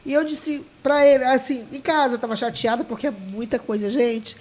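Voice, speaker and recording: High-voiced woman. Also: fairly even intonation, moderate pace, darkish tone. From Maranhão, Brazil. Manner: heartfelt, full of restarts and quoted dialogue. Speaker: guest, leader of a folk dance group. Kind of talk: emotional storytelling.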